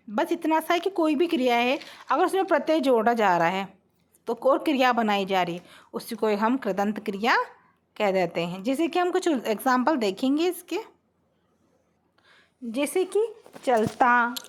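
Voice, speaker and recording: A woman with a high voice gives a blackboard grammar lesson. She explains each rule patiently and repeats her example sentences. She keeps checking that her students are following. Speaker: Hindi grammar teacher.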